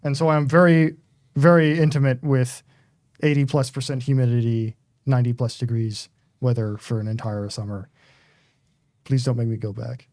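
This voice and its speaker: A man chats on a game livestream, often stalling and restarting his sentences. His voice is middle-pitched and close to the mic, recorded dry with no echo. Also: steady tone, darkish tone. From United States. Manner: halting, many fillers and restarts. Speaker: stream co-host. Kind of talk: casual chat while gaming.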